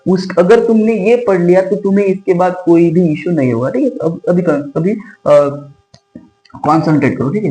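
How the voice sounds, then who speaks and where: A male physics teacher lectures at a whiteboard in a fairly high voice. He keeps posing questions and answering them himself, calling his students kids. The room sounds echoey, with faint music underneath. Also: darkish tone. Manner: addresses students fondly as kids. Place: classroom with a whiteboard.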